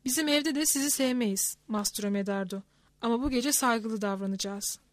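Woman voicing a stern old male elder, grave and measured; high pitch, dry close mic. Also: no echo, natural voice.

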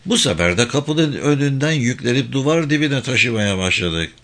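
A man narrating a story aloud in a steady storybook manner, adding short footnote asides. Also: medium pitch, moderate pace.

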